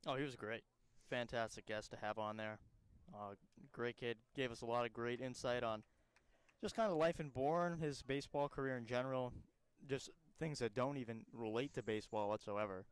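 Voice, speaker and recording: A young man from Massachusetts giving relaxed, joking color commentary on a baseball game. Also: medium pitch, moderate pace, smooth, no room sound.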